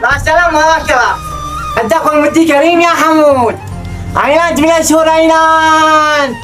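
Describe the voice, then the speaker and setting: A man's voice: very high-pitched, fairly even intonation, a little fast. A man playing a stern Yemeni shopkeeper. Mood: scolding. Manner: scolding, insistent. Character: stern older male shopkeeper demanding his debts. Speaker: grocery shopkeeper. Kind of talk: web drama acting. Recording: loud music under the dialogue.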